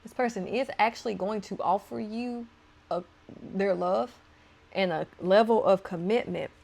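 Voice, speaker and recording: A woman's voice: medium pitch, a little slow, creaky, darkish tone. A woman tarot reader talking casually to her viewers as she turns cards, chatty and playful, breaking into laughs between points.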